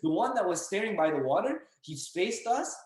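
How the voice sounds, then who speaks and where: A young man telling a story as a podcast guest, casual and animated, acting out the voices of the people in it. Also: sits high, moderate pace. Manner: animated, acts out dialogue and yelling. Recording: echoey room.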